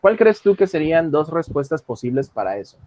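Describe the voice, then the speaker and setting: A man teaching an English class online. His pitch moves up and down a lot as he explains. The sound is dry and close, with no room echo. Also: sing-song, a little mellow. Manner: explains slowly in Spanish, reads English lines carefully.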